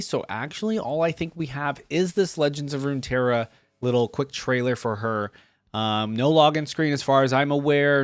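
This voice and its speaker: A man gives casual reaction commentary on a game, rambling and easily impressed as he thinks out loud for his reaction video. His voice is mid-range with no room sound, and faint music plays in the background.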